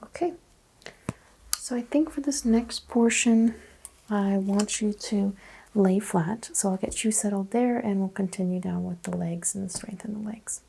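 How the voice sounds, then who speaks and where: A woman whispers close to the mic as a calm doctor in an ASMR exam roleplay. Her voice is mellow and slightly gravelly, with a faint hiss of noise behind it. She speaks in soft, clinical, reassuring instructions. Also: mid-range voice, unhurried.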